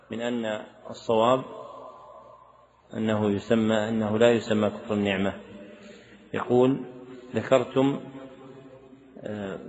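A man's voice: lowish voice, darkish tone, a little hiss or hum. A man teaching a religious text, reading out written questions from students and answering them briefly and firmly. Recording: dull lo-fi lecture recording.

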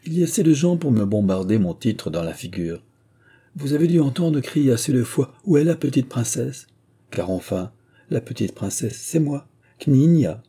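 A man's voice: mid-range voice, sing-song, dark tone, husky, voice pushed up. Man putting on a teasing young princess's voice. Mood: playful. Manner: playful, chattering, quick retorts.

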